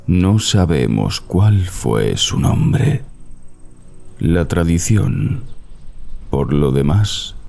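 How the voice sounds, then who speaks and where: A man reading a classic horror story as narrator, in a measured, solemn literary manner. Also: a bass voice, vocal fry, dark tone. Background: background music.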